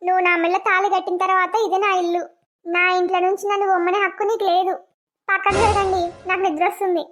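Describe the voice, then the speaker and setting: A woman voicing a patient, pleading young village bride in a cartoon, with a high, thin voice. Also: little pitch movement, fast talker, fairly bright tone. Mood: stubborn.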